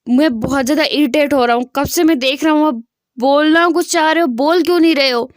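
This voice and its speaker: A woman's voice: high voice, flat delivery, normal speed, no room sound, studio quality, natural voice. A woman voicing an irritable young male employee in a storytelling video. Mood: irritated. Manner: impatient, pleading.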